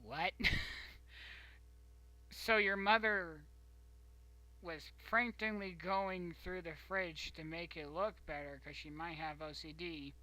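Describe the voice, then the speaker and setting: Streamer, casual reading and commentary, rambling, whispered asides, bright voice. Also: mid-range voice, fairly even intonation, slow pace, long pauses, dry recording, low-quality recording.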